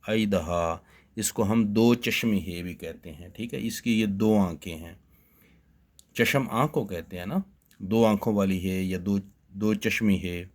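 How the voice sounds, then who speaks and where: A man's voice: on the low side, measured pace, darkish tone. A man teaching Urdu writing to children, spelling each word letter by letter with patient repetition. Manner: patient, spells letters one by one and repeats them. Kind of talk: slow spelling dictation lesson for children.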